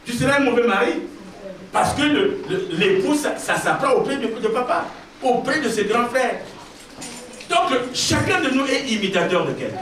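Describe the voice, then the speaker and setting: At a normal pace, a male pastor preaches to his congregation in a church hall, addressing them directly and forcefully repeating key phrases in a high, animated voice that swings widely. The audio comes from a distant mic, with strong echo and faint hiss.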